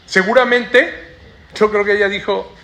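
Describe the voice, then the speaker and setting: Man, sermon, higher voice, forceful tone, rhetorical tag questions. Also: steady tone, a little slow. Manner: tags sentences with rhetorical "¿no?". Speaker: preacher. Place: church before a congregation.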